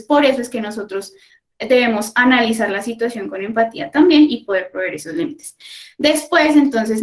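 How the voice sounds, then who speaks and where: A woman with a fairly high voice leads a parenting workshop. She explains patiently and keeps tossing in quick check-in questions to the parents. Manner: explanatory, often adds tag questions. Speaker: school parenting workshop speaker. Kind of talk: educational talk to parents.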